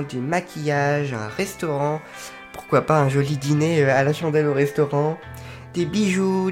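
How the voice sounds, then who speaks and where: A shop presenter giving an informal explanatory talk, hesitant, with frequent fillers and restarts. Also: medium pitch.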